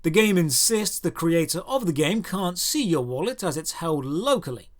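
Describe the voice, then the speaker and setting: His voice is a little high and expressive as he narrates a scripted video game review. The male host keeps his phrasing dry, sardonic and deliberate.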